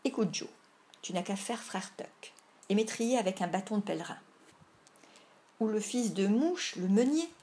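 A woman's voice: mid-range voice, darkish tone. A woman voicing a bold boy playing an outlaw hero in an audiobook, proclaiming his lines theatrically. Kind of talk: audiobook reading.

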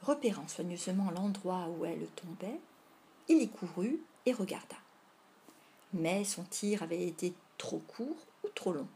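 A woman reading a classic novel aloud as narrator, in a measured storytelling manner. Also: lowish voice, animated, warm tone, a little hiss or hum. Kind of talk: audiobook narration.

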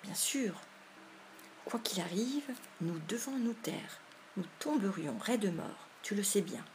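An eager, superstitious young boy, the ringleader of his friend, as a woman reader puts him on. He talks with breathless urgency and often drops to a hushed whisper. The voice sits a little low and soft. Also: animated, a little slow, slight background noise. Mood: hushed fear. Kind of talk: audiobook character voice.

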